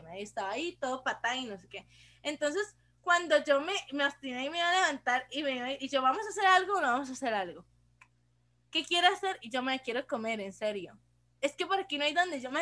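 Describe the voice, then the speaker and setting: Bright high-voiced Costa Rican woman. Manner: animated, acts out dialogue, says mae constantly. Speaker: podcast co-host. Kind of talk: casual storytelling chat.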